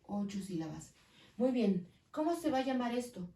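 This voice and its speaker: A woman teacher with a Mexican accent giving a school lesson on poetic meter, slowly spelling out verses syllable by syllable and checking in with her students. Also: on the high side, sing-song, warm tone, recorded from a distance. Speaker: secondary school Spanish teacher. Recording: roomy sound from away from the mic.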